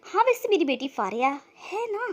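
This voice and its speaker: A showy, scheming middle-aged aunt who lays on the sweetness to make a good impression, played by a woman narrator. Her voice rides high and lilts widely. This is a storybook reading. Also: very animated, moderate pace. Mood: sugary. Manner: sugary, putting on airs.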